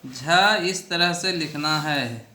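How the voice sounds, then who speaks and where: A man teaches a handwriting lesson, spacing out each instruction slowly and deliberately. His voice sits a little high and sounds bright. The recording carries a noticeable room echo. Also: slight background noise. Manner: slow, deliberate instructional delivery.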